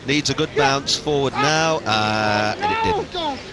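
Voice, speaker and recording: A man's voice: huge pitch swings, slow pace, a loud crowd. A man giving golf commentary on a televised match, wryly savouring each shot with colourful phrasing. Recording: very noisy outdoor broadcast, wind and traffic-like rumble. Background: outdoor golf course ambience.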